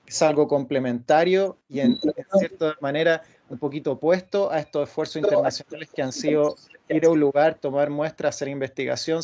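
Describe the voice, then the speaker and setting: Man explaining haltingly over dull audio. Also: fairly high pitch, a little mellow. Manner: halting, repeats and rephrases words. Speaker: webinar panelist. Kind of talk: spontaneous explanatory answer.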